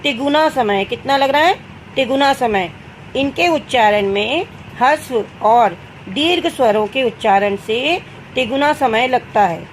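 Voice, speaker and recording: Young woman teacher, high voice, asks kids a question then answers it herself, a little background noise. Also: animated, measured pace, rough recording. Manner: addresses students as "beta". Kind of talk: Hindi grammar lesson for children.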